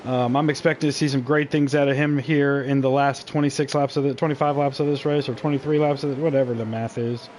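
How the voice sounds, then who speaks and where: A man doing live play-by-play commentary on a sim race, joking and switching quickly between calling the action and banter with his co-host. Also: mid-range voice, flat delivery, a little mellow, slight background noise.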